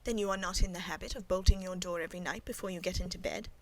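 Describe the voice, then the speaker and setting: A woman reading the part of a guarded, composed middle-aged servant woman, speaking calmly and demurely in a storybook. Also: on the low side, rapid-fire, no room sound, natural voice, rough recording.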